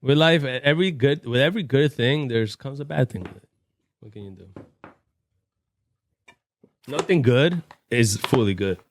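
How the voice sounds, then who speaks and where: A man's voice: mid-range voice, expressive, normal speed, long pauses, a little hiss or hum. Laid-back, laughing podcast man. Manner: laid-back, laughs often, swears casually. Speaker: podcast co-host. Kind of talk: casual podcast chat.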